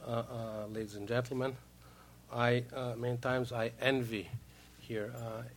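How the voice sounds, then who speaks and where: A man's voice: medium pitch, flat delivery, unhurried, slight background noise. A Brazilian man, a native Portuguese speaker, giving formal remarks as a diplomat in broken English, hesitating often and repeating words.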